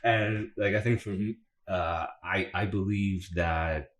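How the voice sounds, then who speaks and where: A man's voice: sits low, fairly even intonation, slow, fairly bright tone. A young man hosting a podcast, chatting casually and rambling with lots of fillers and restarts. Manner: rambling, hesitant, many fillers. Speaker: podcast host.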